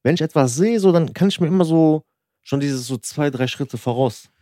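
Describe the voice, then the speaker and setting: Male, slightly high-pitched, emphatic slangy chatter with repeated words, casual podcast talk, close dry sound. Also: normal speed, warm tone, dry recording. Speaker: podcast host. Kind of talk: casual chat.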